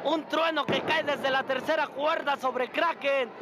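Excitable high-pitched Mexican male wrestling commentator. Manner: excitable, colourful slang, drawn-out calls. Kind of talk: lucha libre play-by-play commentary. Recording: muffled, loud crowd and noise. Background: loud arena crowd.

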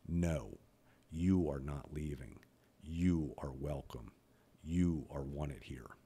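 A podcast host in his fifties, who stutters, talks bluntly and candidly about his own life in a personal, reflective monologue. His voice is a rumbling low with a dark tone and a breathy edge.

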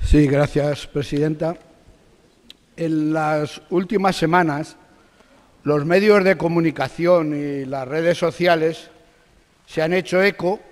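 A man with a Spanish accent from Spain gives a formal, accusatory speech as an opposition spokesman in a district council meeting. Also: on the high side. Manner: combative, accusatory, rises when attacking. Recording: long reverb of a council hall.

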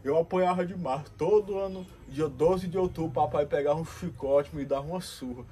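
A man's voice: fairly high pitch, fairly quick, warm tone, lightly acted. A man playing a strict, grumbling grandfather in a comedy sketch who scolds the boy. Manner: grumbling, reproachful.

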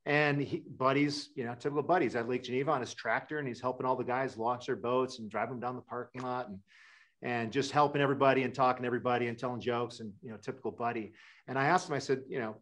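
A middle-aged sailor from Wisconsin, the guest in a casual interview over a webcam, talks fast in a fairly bright, mid-range voice with fairly even intonation. He answers loosely and rambles, with many fillers and restarts, from an indoor room.

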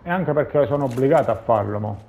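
A man's voice: mid-range voice, quick pace, a little mellow. A man gives casual commentary while playing a video game. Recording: clear background noise and game ambience.

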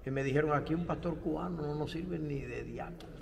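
A man's voice: on the high side, fairly quick, creaky, in a large hall, a little hiss or hum. An older man from Cuba, a pastor and theology professor, answering interview questions in a reflective way with light self-deprecating humor. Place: studio set with bright backdrop.

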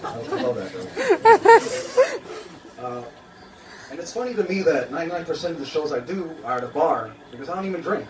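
Lively intonation marks this young Queens comic's slightly high voice as he talks a little fast yet pauses often, self-mocking and dry, with lots of filler sounds. He's on a small indoor open-mic café stage holding a mic, recorded distantly on an audience phone that picks up crowd noise, laughter, and the roomy space.

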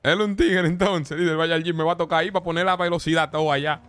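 A man's voice: on the high side, steady tone, quick pace, fairly bright tone, clean tone. A man with a Dominican accent, a streamer joking and teasing in casual street slang during game role-play. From Dominican Republic.

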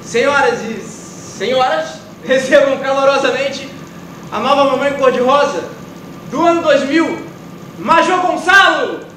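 A woman's voice: sits high, animated, unhurried, voice pushed down. A woman playing a brash drag show emcee. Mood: showy. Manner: showy, announcing, drawn out. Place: theatre stage. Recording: very echoey stage, heard from far, with noise.

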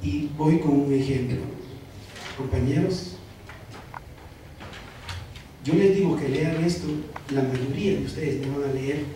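Lively Guatemalan trainer, higher voice, lecturing a room of teachers from afar in a noisy hall. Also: male voice, a little slow, long pauses. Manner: animated, addresses the audience as colleagues. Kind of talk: workshop lecture. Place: large hall. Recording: echoey hall from far off, noisy.

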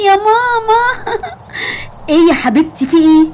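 A woman's voice: very high-pitched, expressive, slow pace, slight background noise, pitched above the performer's own voice, heavily acted. A woman voicing a young daughter who wails and tattles to her mother, in an Egyptian accent. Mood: wailing. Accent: Egyptian Arabic. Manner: wailing, tattling.

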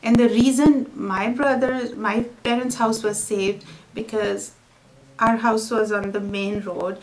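A middle-aged woman with an Indian English accent, giving an oral history interview in a halting, soft-spoken way. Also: fairly high pitch, steady tone, poor audio. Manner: halting, soft-spoken, drops to near-whisper at grim moments.

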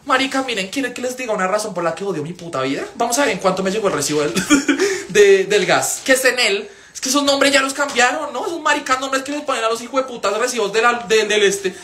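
Young Bogotá-accented man, casual livestream chatter into a phone, profane and animated. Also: fast talker. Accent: Colombian, Bogotá. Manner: animated, swears a lot, swings into loud high-pitched wails. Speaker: live streamer.

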